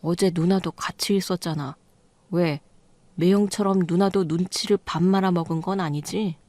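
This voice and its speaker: A woman's voice: on the low side, fairly even intonation, normal speed, darkish tone, no echo, lightly acted. A blunt younger brother snaps and mocks his sister, acted by a woman storyteller. It is read close and dry. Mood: mocking. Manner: curt, mocking. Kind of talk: storytelling radio reading.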